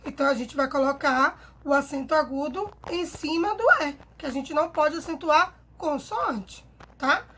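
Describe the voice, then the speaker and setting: A woman teacher with a Brazilian Portuguese accent, explaining grammar slowly and clearly to children, checking in with them often. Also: high voice, fairly bright tone. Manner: patient, slow and clear, ends phrases with "tá?". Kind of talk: recorded grammar lesson for children.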